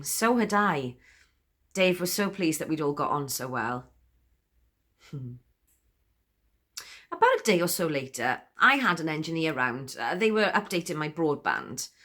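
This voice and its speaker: A woman's voice: sits low, a bit bright. A woman playing a giggly, chatty storyteller. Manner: confiding, laughs often between sentences. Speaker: monologue performer. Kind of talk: comic spoken monologue.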